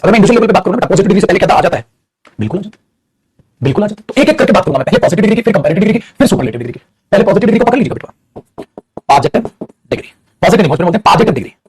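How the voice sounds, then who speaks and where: Male English teacher with a Bhojpuri-tinged Hindi accent, a husky voice and a quick classroom delivery that mixes Hindi and English. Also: sits high, darkish tone, no echo. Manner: rapid, addresses students as beta, mixes Hindi and English. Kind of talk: classroom grammar lesson.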